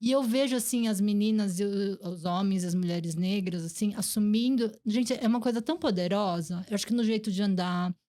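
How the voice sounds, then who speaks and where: A Brazilian woman in her forties hosts a casual interview podcast, reflecting in a chatty way and sprinkling in fillers like "gente" and "né." Her medium-pitched voice is warm, a little fast, with few pauses.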